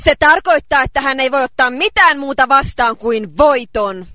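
Female church interpreter, high and bright, dry close sound, steady phrase-by-phrase delivery. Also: dry recording. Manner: steady, faithful relaying of each phrase. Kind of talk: sermon interpretation.

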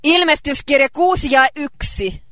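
Female church interpreter, high and bright, dry close sound, steady phrase-by-phrase delivery. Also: no echo. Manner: steady, faithful relaying of each phrase. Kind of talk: sermon interpretation.

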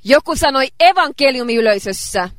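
Female church interpreter, high and bright, dry close sound, steady phrase-by-phrase delivery. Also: dry recording. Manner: steady, faithful relaying of each phrase. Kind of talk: sermon interpretation.

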